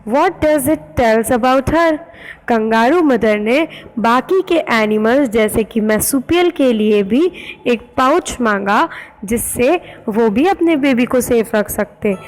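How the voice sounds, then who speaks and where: A woman schoolteacher with an Indian English accent, giving a recorded English lesson and explaining it in Hindi, slow and careful in English, quicker in Hindi. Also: expressive, poor audio. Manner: teacherly, rises in pitch on questions to students. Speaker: school teacher.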